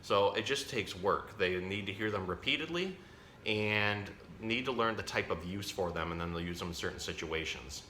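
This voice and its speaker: This zookeeper's voice sits fairly low and sounds sharp, moving at a moderate pace with lively intonation. He presents an animal storytime for kids in a loose, chatty way, explaining plainly and correcting himself now and then. Echo fills the room over faint background noise.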